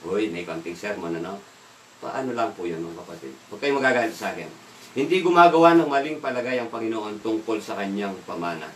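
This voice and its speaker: A man's voice: lowish voice, expressive, a little fast, slight background noise. A man leading an evening devotional, talking in a casual way, asking the listeners questions and slipping in English words. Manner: asks the listeners questions, mixes in English words, laughs now and then. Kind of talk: conversational Bible devotional talk. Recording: echoey room, voice from a distance.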